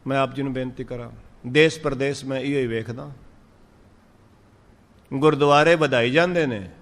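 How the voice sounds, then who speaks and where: A man with a Punjabi accent giving a sermon, drawing out verses slowly and then explaining them in lively speech. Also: mid-range voice, long reverb tail. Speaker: Sikh preacher. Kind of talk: sermon on scripture.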